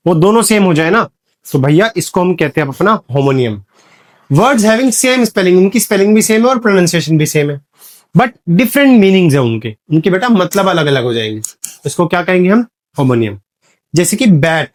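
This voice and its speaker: A fairly high-voiced man teaching a Hindi-speaking class about English words. He keeps asking the students questions and checking that they follow. He drops into slow, careful English for the example sentences. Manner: calls students "beta", repeats "clear hai?". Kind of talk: classroom lecture.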